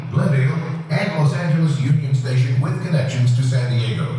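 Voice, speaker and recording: A man giving a formal, measured train station announcement over a loudspeaker. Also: mid-range voice, heavy reverb, long reverb tail, far from the mic, slight background noise, low-quality recording. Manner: formal, measured, scripted delivery. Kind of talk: formal public address announcement. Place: outdoor train station platform.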